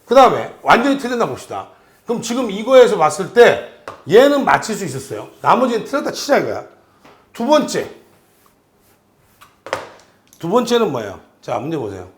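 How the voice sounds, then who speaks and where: Male lecturer, high, lively voice, keeps quizzing students; roomy echo. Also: a little fast, long pauses. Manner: animated, questions students constantly. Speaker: exam prep instructor.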